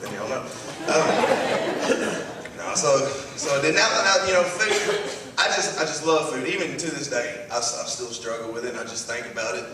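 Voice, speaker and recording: A man's voice: medium pitch, animated, normal speed. A man from the United States doing folksy, self-deprecating stand-up comedy in a conversational way. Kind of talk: stand-up comedy before an audience. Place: live comedy show stage. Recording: echoey live stage, distant, noisy.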